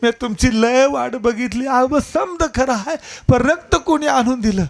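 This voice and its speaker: A man's voice: very high-pitched, measured pace, vocal fry, heavily acted. A male preacher voicing a frightened, sick village wife who pleads tearfully in dialect. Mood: pleading.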